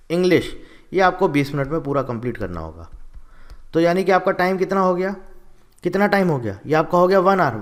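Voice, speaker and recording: Man, higher-pitched voice, coaching teacher, exam strategy lecture, direct and instructive. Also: fairly bright tone. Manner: direct, instructive, addresses students as friends.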